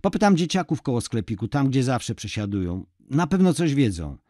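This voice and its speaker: A man's voice: mid-range voice, big pitch swings, fairly quick, mellow, no echo, studio quality, pitched above the performer's own voice. A man voicing a worried, curt father looking for his daughter. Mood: reassuring. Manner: curt, irritated.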